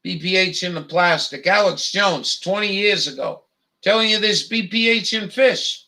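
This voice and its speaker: Gravelly, high-pitched ranting man. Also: normal speed, pushed and bright. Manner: profane, heated, rambling with many fillers. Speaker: livestream host. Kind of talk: angry profane rant.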